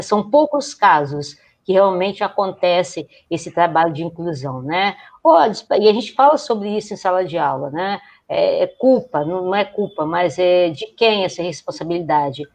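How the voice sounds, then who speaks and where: A woman's voice: lowish voice, expressive, normal speed, hardly any pauses, a little mellow. A woman who trains teachers speaks in a reflective, conversational way in a live video call, often adding tag questions.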